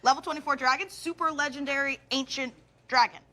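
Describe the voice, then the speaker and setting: Brief: female stream co-host, very bright high voice, casual excited hype. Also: fairly quick. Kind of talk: casual excited event hosting.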